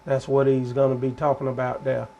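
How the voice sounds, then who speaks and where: A man explaining prophecy in a casual, sermon-like way. He is earnest and deliberate and keeps repeating phrases. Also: mid-range voice, monotone, vocal fry, dull audio, a little hiss or hum. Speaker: prophecy teacher.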